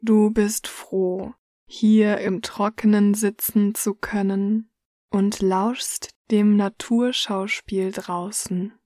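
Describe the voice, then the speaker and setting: A woman reading a guided relaxation story in the second person, soft and hushed. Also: medium pitch, level tone, slow, no room sound, studio quality.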